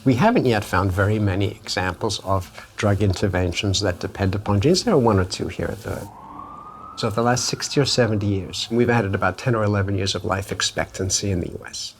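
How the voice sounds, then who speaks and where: A man's voice: fairly low pitch, fairly quick, a little hiss or hum. A man who is an epidemiologist, speaking in a skeptical, matter-of-fact way in an interview.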